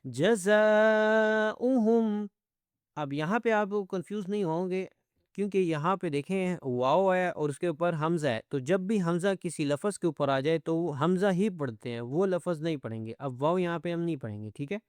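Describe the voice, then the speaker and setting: Man, high voice, Quran tajweed teacher, smooth clear tone, dry close sound. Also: darkish tone, no echo. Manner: explains each letter, then recites verses slowly in a drawn-out chant. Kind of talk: step-by-step recitation lesson.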